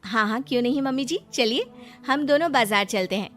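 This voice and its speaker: A woman giving scripted narration for an animated family story and voicing the polite daughter-in-law, gentle and coaxing. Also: a little high, fairly quick, soft background music.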